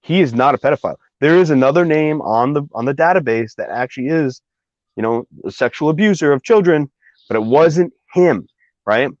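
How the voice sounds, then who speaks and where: A man's voice: on the high side, animated, a little fast, dry recording. A man casually telling a long personal story, rambling with many fillers and asides. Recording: dry, slightly dull recording.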